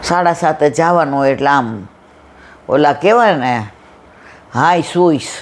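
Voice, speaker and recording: A woman's voice: low-pitched, measured pace, a little hiss or hum. Gujarati woman telling devotional stories. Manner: lively storyteller acting out dialogue. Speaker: satsang speaker. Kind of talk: devotional storytelling talk.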